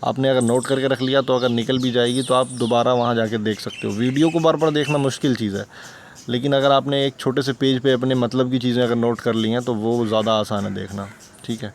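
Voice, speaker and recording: A male teacher with a mother tongue explains English grammar in a relaxed, talky style. He repeats examples and keeps asking rhetorical questions. His voice sits in a middle pitch, with faint background noise and birdsong. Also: a little fast, vocal fry. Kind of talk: casual classroom explanation.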